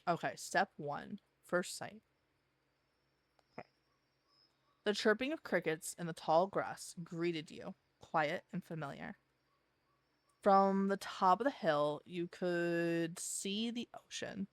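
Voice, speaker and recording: A woman streamer reading a visual novel aloud and thinking out loud between lines in a chatty way. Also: fairly low pitch, takes it slowly, long pauses, no echo.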